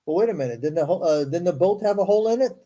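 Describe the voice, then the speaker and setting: A man's voice: sits high, animated, rapid-fire, warm tone. A male host reading scripture aloud and breaking in with sarcastic, skeptical asides.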